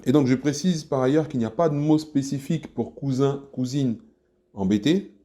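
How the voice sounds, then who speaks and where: A man gives a spoken language lesson in a mellow, warm voice. He explains each word patiently and repeats it slowly so learners can follow. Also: medium pitch. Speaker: language teacher.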